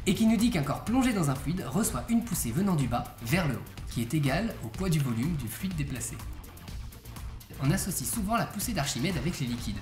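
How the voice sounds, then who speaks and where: Low-voiced, lively woman presenting science. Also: brisk. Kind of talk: scripted science narration. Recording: roomy echo under music.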